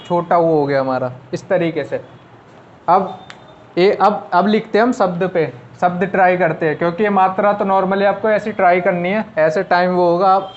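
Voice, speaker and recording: A man with a fairly high voice teaches a shorthand class, talking casually and going over each step again as he writes it out. The sound is a little dull and lo-fi. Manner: talks while writing on a board, repeats and explains step by step.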